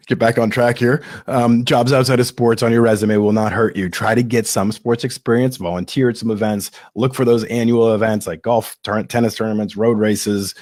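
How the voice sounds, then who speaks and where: A man's voice: lowish voice, a little mellow, no echo, clean studio sound. A male podcast host answering live audience questions in a candid, self-deprecating, rambling way. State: coughing and hiccuping at times. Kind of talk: live-streamed casual Q&A.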